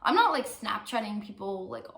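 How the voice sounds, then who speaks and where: A woman's voice: mid-range voice, sing-song, normal speed, gravelly, a bit bright. A young woman co-hosting a casual podcast, hesitant and often trailing off mid-thought. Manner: hesitant, trailing off, frequent agreement. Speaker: podcast co-host. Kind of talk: casual chat. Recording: echoey room, faint background noise.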